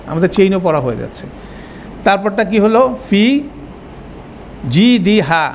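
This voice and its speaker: High-voiced man teaching grammar. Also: slight background noise. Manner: explains step by step with frequent check-ins. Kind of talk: classroom lecture.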